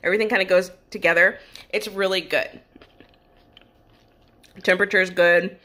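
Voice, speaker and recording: A woman's voice: medium pitch, steady tone, moderate pace, sharp tone. A middle-aged woman giving a casual food review, chewing as she talks, recorded on a phone at arm's length indoors. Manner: chewing while talking. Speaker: food vlogger.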